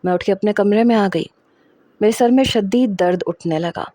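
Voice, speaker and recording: A woman's voice: medium pitch, mellow, dry recording. A woman narrating a romantic first-person story, reading in a dramatic, emotional way and acting out the dialogue.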